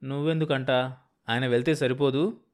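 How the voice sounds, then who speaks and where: A man voicing a meek, doubtful middle-aged husband who grumbles softly. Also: medium pitch, fairly even intonation, moderate pace, natural voice. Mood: grumbling. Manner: soft, grumbling, hesitant.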